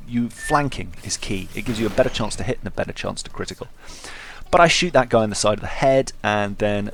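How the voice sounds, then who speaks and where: A man's voice: mid-range voice, slight background noise. A hungover man giving casual video game commentary, informal and stumbling over his words as he corrects himself. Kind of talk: casual let's-play commentary.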